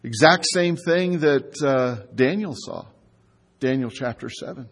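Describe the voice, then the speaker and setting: A man preaching a sermon in a conversational style, asking his listeners rhetorical questions and slowing down to stress key words. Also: mid-range voice, lively intonation, in a large hall. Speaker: pastor.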